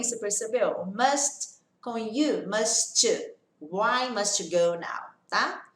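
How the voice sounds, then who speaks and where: Woman, english teacher, patient explainer, slightly high voice, echoey room. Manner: repeats example sentences slowly. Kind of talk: English lesson for Portuguese speakers.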